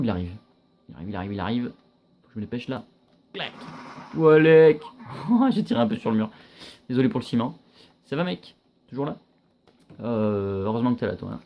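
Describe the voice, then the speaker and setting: A young man giving casual, chatty commentary while playing a video game, reacting loudly and swearing often. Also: on the low side.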